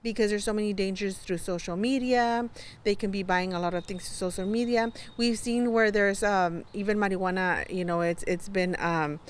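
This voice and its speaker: Female interviewee, medium pitch, community spokeswoman, hesitant unscripted soundbite. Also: fairly even intonation, smooth. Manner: halting, searching for words. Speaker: community organization representative, interviewee.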